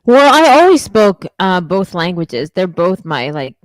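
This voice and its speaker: A Swedish woman, bilingual in Swedish and English, co-hosting a casual podcast and talking hesitantly with many pauses and restarts. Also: lowish voice, sing-song, dry recording. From Sweden. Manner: hesitant, many fillers and restarts, self-conscious. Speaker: podcast co-host.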